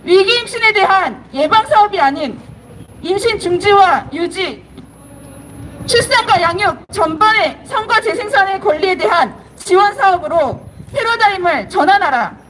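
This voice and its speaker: A woman activist at an outdoor press conference reading a statement and leading chants in a forceful, declaiming way. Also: extremely high pitch, expressive, normal speed, a little hiss or hum, poor audio. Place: outdoor plaza.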